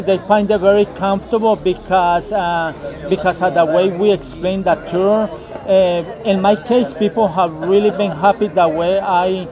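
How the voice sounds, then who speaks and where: Sitting outdoors on stairs in a city neighborhood, a Colombian man raised in the United States answers questions slowly. A local guide and English teacher with a high voice, he uses many fillers and repeats himself.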